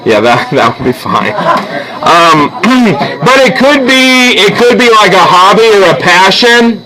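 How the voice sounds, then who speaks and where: A man with a high-pitched, very animated voice, talking a little slowly, teaches a drawing class as he demonstrates, informal and encouraging toward his students. The busy school classroom is loud with chattering students, and the recording is rough.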